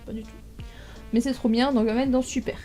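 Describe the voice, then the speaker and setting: A young woman casually ranking manga in a tier list, thinking aloud with many fillers and pauses. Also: a little high, fairly even intonation, dark tone, faint music behind.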